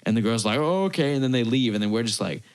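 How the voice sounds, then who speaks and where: A man's voice: fairly low pitch, fairly even intonation, rapid-fire. Rambling young man telling a story. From Massachusetts. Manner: rambling, self-correcting storyteller who acts out quoted voices. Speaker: podcast co-host. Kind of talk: casual storytelling chat.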